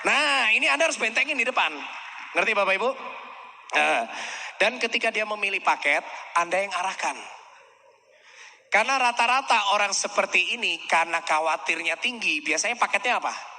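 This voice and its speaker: A man's voice: sits high, expressive, normal speed, gravelly, long pauses, bright, forceful tone, in a large hall, a little hiss or hum. A man giving a sales training seminar, acting out customer dialogues and often asking the audience to agree. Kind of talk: seminar lecture.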